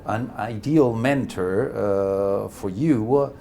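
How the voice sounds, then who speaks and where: A man interviewing a filmmaker, asking his questions hesitantly with many pauses and restarts. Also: on the low side, vocal fry, mellow, slight background noise.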